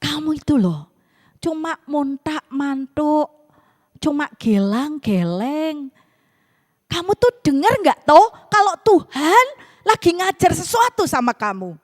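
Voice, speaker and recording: A woman's voice: sits high, big pitch swings, takes it slowly, voice pushed up, heavily acted. A woman voicing a proud, boastful coconut tree in a sermon story. The tree lectures and brags in a self-important way. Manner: bragging, scolding, self-important. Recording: reverberant church hall.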